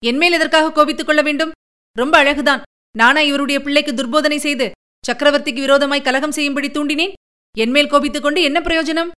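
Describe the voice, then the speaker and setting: A woman voicing a spirited, sharp-tongued young princess who argues quickly and indignantly. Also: sits high.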